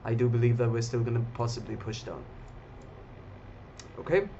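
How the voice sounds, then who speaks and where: A man's voice: medium pitch, steady tone, moderate pace, vocal fry, dark tone, a little hiss or hum. Chatty man hosting a live trading stream. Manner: casual, chatty, addresses viewers directly. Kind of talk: live market commentary. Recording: slightly dull lo-fi audio.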